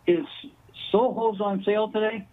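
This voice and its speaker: A man's voice: sits high, flat delivery, normal speed. A man calling in on a phone speaker to a radio shopping show, hesitant and restarting his phrases. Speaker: caller. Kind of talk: call-in radio shopping order. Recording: tinny phone line.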